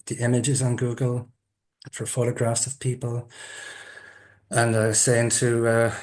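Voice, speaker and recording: With a lowish, darkish voice, a man hosting an interview and leading a group opens with a personal story. He tells it in a chatty way, now and then laughing at himself.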